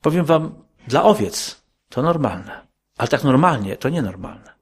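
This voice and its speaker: Gravelly-voiced man preaching. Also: very animated, measured pace. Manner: questioning, rises to emphatic high peaks. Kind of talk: sermon.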